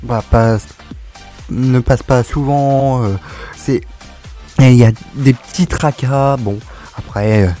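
A man talking as a guest on a radio show in casual conversation, in a hesitant, halting way full of fillers. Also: medium pitch, fairly even intonation, dark tone, soft background music.

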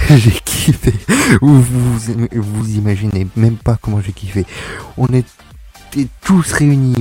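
A man's voice: on the low side, warm tone. A young man hosting a casual radio chat, joking and laughing often as he talks. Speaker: radio show host.

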